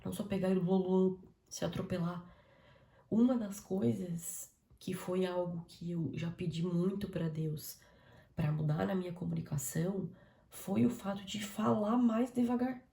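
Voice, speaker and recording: A woman giving a casual devotional talk on a live stream, talking fast and speaking straight to her listeners. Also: on the low side, fairly even intonation, creaky, reverberant. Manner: fast, warm-hearted, conversational, addresses audience as "gente".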